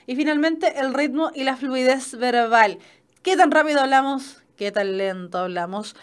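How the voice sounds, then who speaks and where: A young adult woman teacher with a Chilean accent, lecturing in an online class and often checking in with "¿cierto?". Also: a little high. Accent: Chilean Spanish. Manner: explanatory, frequent "¿cierto?" checks.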